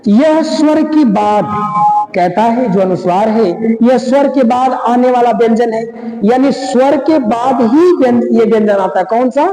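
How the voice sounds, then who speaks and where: Man, grammar teacher, high voice, slow drilling repetition, echoey reverberant room. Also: warm tone. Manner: slow, repeats words and phrases to drill them. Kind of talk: exam-prep Hindi grammar lesson.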